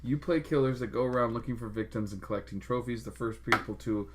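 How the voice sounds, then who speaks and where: A man in an easygoing podcast chat, his voice sitting at an ordinary middle pitch. He rambles along with plenty of fillers and restarts, and laughs often. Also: fast, noisy background. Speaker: podcast co-host. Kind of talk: casual chat.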